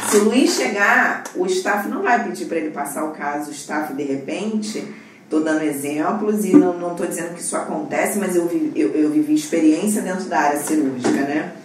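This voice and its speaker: A young Brazilian woman talks in an animated, chatty way, a little low in pitch. She sits well back from the mic in a very echoey room with a faint hiss behind her. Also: a little fast, recorded from a distance. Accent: Brazilian Portuguese. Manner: animated, acts out quoted voices. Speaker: surgical resident. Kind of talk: casual podcast conversation.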